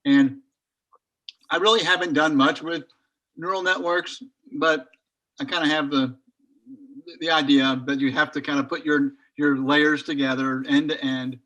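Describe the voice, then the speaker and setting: A man's voice: on the high side, steady tone, measured pace, a bit bright. A man chatting casually in an online study group over a video call, rambling a little and thinking aloud as he goes.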